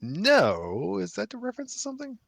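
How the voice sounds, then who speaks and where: A man's voice: sits high, wildly swooping pitch, brisk, gravelly, fairly bright tone, dry recording, studio quality. A man co-hosting a live game stream, chatting casually, musing aloud and laughing often. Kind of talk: casual chat.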